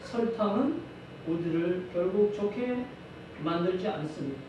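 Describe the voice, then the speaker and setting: High-voiced pastor preaching in an echoey hall. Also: male voice, lively intonation, a little slow, dark tone. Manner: earnest preaching with rhetorical questions to the congregation; repeats key phrases for emphasis. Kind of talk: sermon. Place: church sanctuary. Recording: very echoey hall, mic at a distance, faint background noise.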